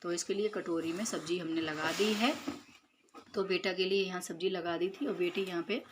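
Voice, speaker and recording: A woman in her thirties, a mother, chats through each step of her cooking and chores vlog with frequent fillers, a casual voice-over recorded in her home kitchen. Her tone is steady, her voice lowish, her speed normal, and the background is noisy.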